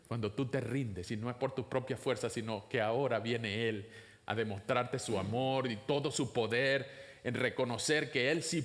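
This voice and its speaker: During his sermon, the pastor asks the congregation rhetorical questions, lifting his voice high to emphasize and then letting it fall low and slow.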